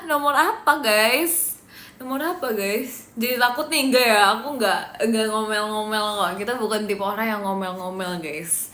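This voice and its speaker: Brief: young Indonesian woman, idol livestream host, bright higher voice, teasing and giggly, echoey room on a phone mic. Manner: playful, teasing, giggly, drops in English phrases. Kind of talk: casual livestream chat reading viewer comments. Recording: echoey room with faint noise.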